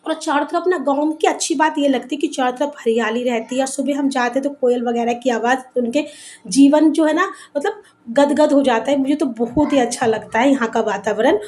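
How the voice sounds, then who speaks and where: A woman's voice: sits high, fairly quick, a little mellow, slight background noise. A young woman from Bihar, vlogging in a chatty way and often repeating words as she thinks. She walks along an outdoor village road and sometimes sounds out of breath. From Bihar, India. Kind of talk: casual vlog chat.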